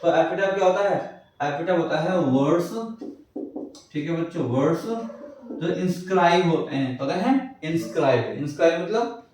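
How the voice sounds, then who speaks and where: A man's voice: a little high, moderate pace, darkish tone. A male English teacher lecturing a class, who keeps asking his students questions and answering them himself. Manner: repeats checks like "clear hai". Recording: echoey classroom, far from the mic.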